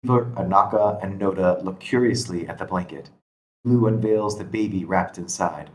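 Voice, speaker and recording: Reading stage directions as the narrator of a screenplay table read, a man speaks in a deep voice at normal speed. The recording quality is low, and background noise runs constantly.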